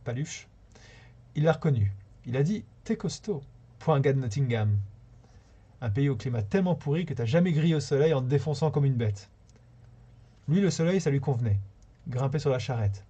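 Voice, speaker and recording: A man reading a short story aloud on a live stream, unhurried, now and then stumbling and rereading a phrase. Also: medium pitch, animated, dark tone, breathy edge. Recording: slightly dull lo-fi sound.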